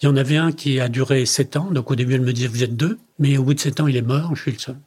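An older man with a husky, slightly breathy voice speaks as a guest in an interview. He tells personal anecdotes in a conversational way and slips into the voices of the people he quotes. His pitch sits in an ordinary middle range for a man. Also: fairly even intonation, rapid-fire, a little mellow. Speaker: company president interviewed as guest.

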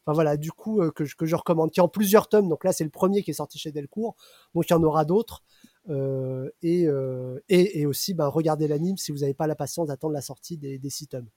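A man's voice: fairly high pitch, fairly quick, mellow, no room sound, clean studio sound. A man reviewing a comic in casual radio chat, hesitant with fillers.

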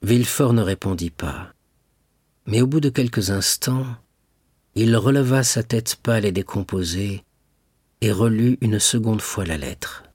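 A man narrating a classic novel as an audiobook reader, in a measured, literary delivery. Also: fairly low pitch, a little mellow, husky, dry recording, clean studio sound. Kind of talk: scripted narration.

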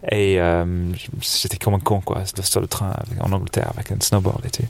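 A man in his forties from England, speaking with an English accent, chatting casually as a podcast guest, relaxed, with lots of fillers. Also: low voice, moderate pace, gravelly, no echo. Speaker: snowboard shop buyer, podcast guest. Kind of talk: casual interview chat. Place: dark corner of a trade fair hall, on a sofa.

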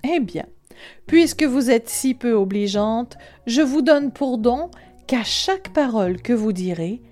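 A woman reading a storybook, voicing a calm, stately fairy disguised as a princess. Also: a little high, unhurried, soft background music, voice pushed up. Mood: stern.

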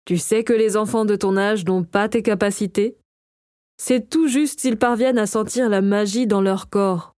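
A woman reading the part of a kind male king who calmly reassures his young son. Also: medium pitch, normal speed, dry recording, clean studio sound, natural voice. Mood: gentle. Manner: calm, warm and reassuring. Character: kind, gentle male king and father, a magician.

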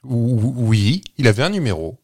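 A man co-hosting a podcast, chatting casually and slowly giving out clues with many hesitations. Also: medium pitch, big pitch swings, darkish tone, breathy edge. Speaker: podcast co-host. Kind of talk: casual banter, quiz-style teasing.

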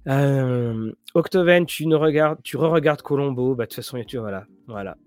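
A man's voice: medium pitch, normal speed, darkish tone, no echo, faint music behind. A man hosting a casual show about role-playing games and series, rambling with many restarts and fillers. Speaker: tabletop RPG and series show host. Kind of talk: casual chat to viewers.

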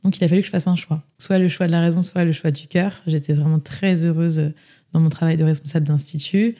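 Speaking fairly quickly in a low, dark voice with a steady tone, a young woman from France tells her personal story during an interview. She is chatty, using lots of fillers and often starting her sentences over.

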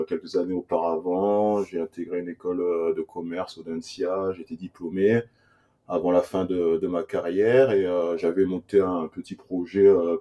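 Interview guest: man, 30s, from Burkina Faso, dark mellow tone, halting delivery. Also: sits low. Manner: hesitant, many "euh" fillers and restarts. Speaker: guest, former rugby player. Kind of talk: casual interview answers.

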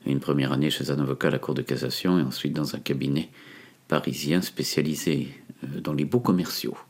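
French guy in his 60s, really really low voice, lawyer telling his story, hesitant and deliberate with long pauses. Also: fairly even intonation. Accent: metropolitan French. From Ardennes, France. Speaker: defence lawyer. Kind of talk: recounted testimony in an interview.

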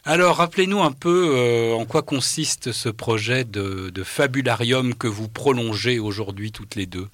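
A male radio host interviews guests in the studio. He speaks at a middle pitch and hesitates often, filling pauses with drawn-out sounds. The sound is close and dry. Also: fairly bright tone, no echo. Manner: hesitant, many filler sounds.

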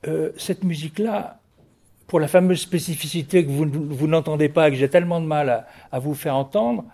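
A man over fifty speaks as an interview guest, his voice somewhat high for a man yet mellow and dark in tone. He talks with passion but often stops, restarts and repeats his words while searching for them. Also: moderate pace. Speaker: guest, record producer and music writer. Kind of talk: radio interview.

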